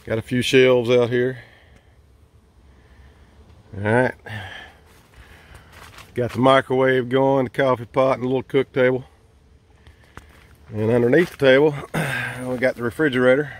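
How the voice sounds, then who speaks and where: A man's voice: mid-range voice, flat delivery, unhurried, long pauses. A man giving a casual, folksy walkthrough of his campsite and tent, filmed on a handheld camera as he walks. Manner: easygoing, folksy, hesitant with fillers. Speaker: vlogger giving a campsite tour. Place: campsite outdoors and inside a large tent. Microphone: handheld camera mic, filming himself walking.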